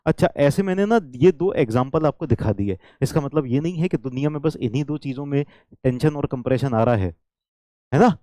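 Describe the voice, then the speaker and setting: In a warm, mid-range voice, a man talks a little fast during an engineering class, recorded dry. He repeatedly checks on his students, goes over key points again, and occasionally shifts into English.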